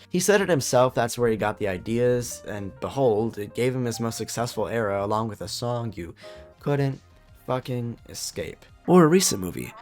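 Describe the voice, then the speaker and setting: Low-voiced male video essayist, sarcastic and jokey, with faint music behind. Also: a little mellow. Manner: sarcastic, jokey, rhetorical questions. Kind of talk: comedic video essay commentary.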